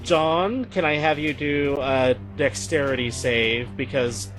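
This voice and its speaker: Bright-voiced male game master. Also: fairly high pitch, slow, faint music behind. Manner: playful, laughs often. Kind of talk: narrating a tabletop game.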